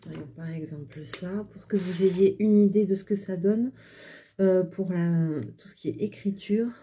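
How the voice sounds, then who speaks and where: French girl slowly chatting thru a pen review, mellow voice, lots of euhs. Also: fairly low pitch, slightly rough. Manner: hesitant, many fillers, chatty and relaxed. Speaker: craft vlogger reviewing pens. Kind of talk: casual product review.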